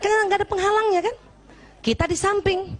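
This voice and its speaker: A woman preacher from Indonesia with a high voice, talking to a gathering of women. She teases and jokes, and keeps asking her listeners questions to draw them in. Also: brisk. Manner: lively and teasing, often asks the audience questions. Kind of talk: religious talk to a women's gathering.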